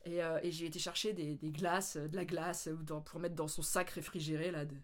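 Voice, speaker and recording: A French woman vlogging, telling anecdotes in a casual, animated way with lots of laughter. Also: low voice, moderate pace. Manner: animated, laughing, with playful English mimicry. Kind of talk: casual storytelling.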